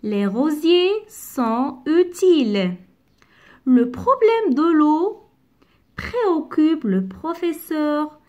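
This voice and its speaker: A woman teacher giving a lesson, reading short sentences aloud and slowly repeating words with careful articulation. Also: sits high, sing-song, warm tone. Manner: slow, articulated dictation-like delivery, repeating words. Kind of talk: slow, careful classroom reading and explanation.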